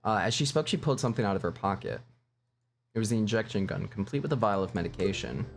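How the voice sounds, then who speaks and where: Faint game music plays behind a man streaming a video game in a lowish, quick voice. His casual chat is animated and full of giggles, and he reads the game's lines aloud as he laughs.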